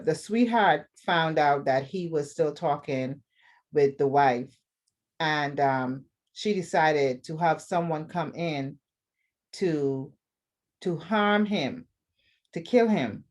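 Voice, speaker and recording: Bahamian woman host, lower pitch, earnest advice monologue, repeats points for weight. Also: darkish tone. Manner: earnest, repeats phrases for emphasis. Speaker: podcast host.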